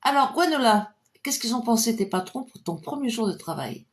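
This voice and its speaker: A woman clairvoyant reading out viewers' questions on a live stream and answering them with a pendulum. She is cheerful and chatty, and drops to a low murmur when she calls on her guardian angels. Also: expressive, normal speed.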